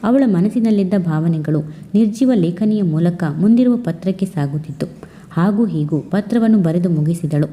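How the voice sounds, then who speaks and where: A woman narrating a literary love story in a steady, expressive reading voice. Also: fairly low pitch, moderate pace.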